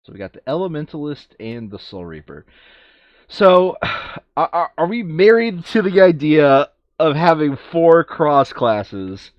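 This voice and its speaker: Very animated but unhurried, a man with a slightly high voice hosts a board game video, chatting casually as he sorts cards. He thinks aloud and often corrects himself, in a dry recording with the highs cut off.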